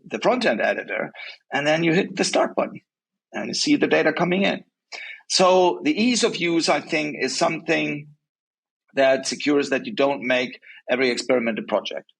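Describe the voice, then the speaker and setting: Male interview guest, mid pitch, walks through points in order and keeps checking in with "right?". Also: low-quality recording. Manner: explains point by point, often adds "right?". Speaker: guest, software company regional director. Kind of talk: casual interview talk.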